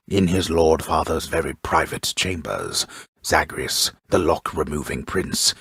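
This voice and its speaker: In a heavily acted performance, a grave and grandiose man narrates an underworld myth for a video game. The extremely low, heavily husky voice has a gravelly edge and a fairly bright tone, and his measured, formal lines drip with dry, wry mockery. The recording is close, with no room sound.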